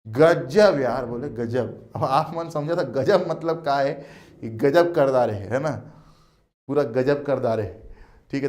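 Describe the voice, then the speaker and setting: A male teacher with a Chhattisgarhi accent gives an exam coaching lecture. He talks in an animated, emphatic way, repeats key words and calls his students "beta". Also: a little high.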